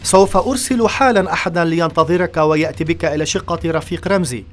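A man's voice: on the high side, quick pace, soft background music, pitched above the performer's own voice, close to an everyday voice. A man playing a nervous, hesitant security officer. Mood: apologetic. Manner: hesitant, apologetic. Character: anxious male security officer, hesitant subordinate. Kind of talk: audiobook dialogue.

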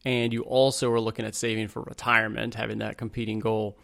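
A man's voice: fairly low pitch, flat delivery, fast talker, vocal fry, a bit bright. A man explaining personal finance conversationally as a podcast host, informal and plain-spoken. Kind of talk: scripted outro and disclaimer read.

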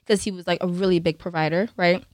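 Animated young woman from Cameroon. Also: on the low side, quick pace, no room sound, clean studio sound. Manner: animated, laughs often, tag questions. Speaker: guest. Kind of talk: podcast interview, telling her story. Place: podcast studio.

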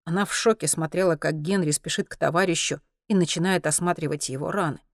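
An audiobook narrator reading a science-fiction story in a steady, measured way. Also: mid-range voice, dry recording, clean studio sound.

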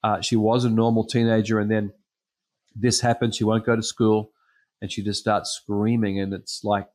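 Low-voiced man preaching, halting storyteller. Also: level tone, a little mellow. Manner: hesitant storytelling with frequent ums. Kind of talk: sermon with personal stories.

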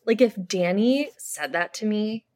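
A woman's voice: mid-range voice, lively intonation, unhurried, a little mellow. A woman co-hosting a podcast, agreeing readily and adding emphatic asides about a TV episode. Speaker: podcast co-host. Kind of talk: casual chat recapping a TV episode.

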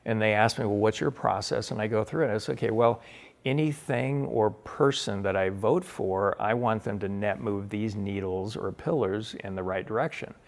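A man's voice: lowish voice, normal speed, creaky. A middle-aged man, a guest author, answering interview questions in an earnest, enthusiastic way with frequent restarts.

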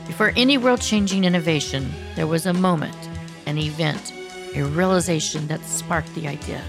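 A woman's voice: deep voice, normal speed, vocal fry, music in the background. A middle-aged woman hosting a podcast, reading a polished, upbeat intro and interviewing a guest. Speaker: podcast host.

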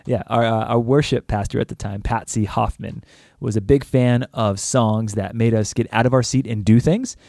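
A man's voice: mid-range voice, steady tone, normal speed, vocal fry, dark tone, no echo. A man co-hosting a casual Bible chat with teasing, dry-humored banter. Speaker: podcast co-host.

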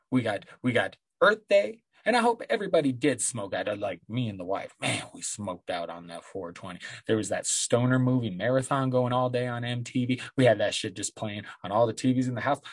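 A middle-aged man with a husky smoker's rasp, chatting casually and rambling solo as a podcast host in a laid-back, sweary way. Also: mid-range voice, no room sound.

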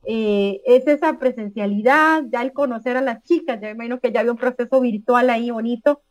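A Costa Rican woman hosting a radio interview, full of effusive praise and pausing on the filler "este". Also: fairly high pitch, poor audio. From Costa Rica. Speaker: radio host.

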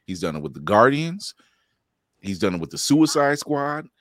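A man's voice: medium pitch, big pitch swings, moderate pace, a bit bright, no echo. A man co-hosting a casual podcast chat who laughs often and restarts his sentences. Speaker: podcast co-host.

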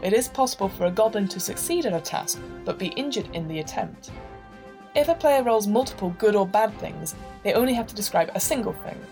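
A woman running a tabletop game, explaining rules briskly and laughing readily. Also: mid-range voice, creaky. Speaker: game master.

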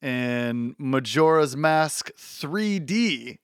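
A man co-hosting a podcast, chatting casually with quick joking asides. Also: mid-range voice, animated, clean tone, no echo, studio quality. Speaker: podcast co-host.

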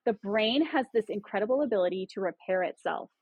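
Husky-voiced woman podcast guest. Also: medium pitch, expressive, brisk, dry recording, phone-quality sound. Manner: reflective, explanatory. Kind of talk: casual conversation.

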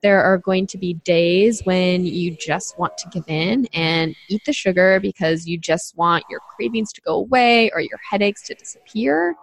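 A woman's voice: lowish voice, moderate pace, few pauses. A woman co-hosting a casual podcast as a nutrition coach, chatty and encouraging, full of "like" and "you know". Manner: encouraging, speaks directly to listeners.

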